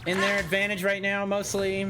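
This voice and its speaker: A man's voice: high voice, completely flat delivery, fairly quick, music in the background. A man doing live game commentary as a streamer, grumbling and swearing as he goes. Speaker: gaming streamer.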